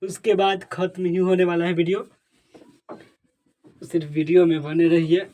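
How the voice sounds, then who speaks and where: A high-voiced English teacher speaks at a normal speed in a level, mellow tone, teaching English pronunciation rules in Hindi. Asking and answering his own questions, he repeats points, calls viewers dear friends, and asks for their comments.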